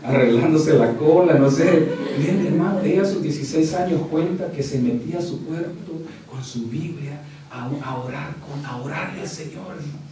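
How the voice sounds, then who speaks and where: A man preaching a sermon as pastor, shifting from quiet storytelling to loud, high-pitched exhortation and calling the listeners brother. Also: moderate pace, hardly any pauses, crowd noise. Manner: keeps addressing the congregation as brother. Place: church hall. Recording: very echoey hall, mic from a distance.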